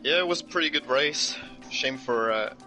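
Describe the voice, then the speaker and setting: A man's voice: medium pitch, moderate pace, pushed and bright, soft background music, low-quality recording. A man reviewing a sim race in casual livestream chat, with matter-of-fact remarks. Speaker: sim racing league driver.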